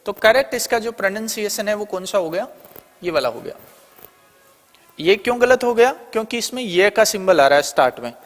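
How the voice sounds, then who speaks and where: A man's voice: high-pitched, expressive, a little fast, big-room sound, faint music behind. A man with an Indian accent teaching an online exam-prep lesson, explaining step by step and posing questions he then answers himself. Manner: explains step by step, often asking and answering his own questions.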